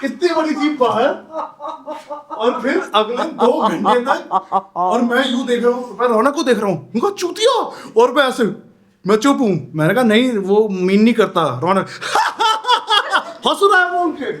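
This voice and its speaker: A man's voice: extremely high pitch, very animated, unhurried, fairly bright tone, roomy sound. A man laughing as he chips in to retell a story he shared with his friends. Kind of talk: casual chat.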